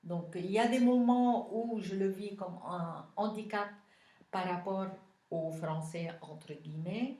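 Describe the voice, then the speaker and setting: A woman from Lebanon with a Lebanese accent, answering interview questions as a city councillor, thoughtful and pausing often. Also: medium pitch, dark tone, reverberant. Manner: thoughtful, many pauses and hesitations.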